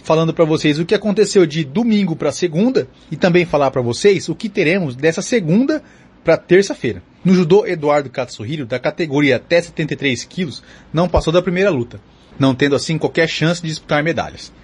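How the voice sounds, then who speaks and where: A Brazilian man with a husky voice presenting a radio sports news bulletin. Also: on the high side, animated, brisk, a little mellow.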